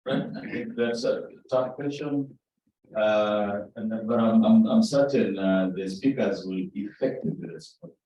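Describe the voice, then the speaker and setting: Mellow-voiced man moderating from afar. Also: lowish voice, a little slow, slight background noise. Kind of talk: moderating a forum. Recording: dull, echoey sound from far off.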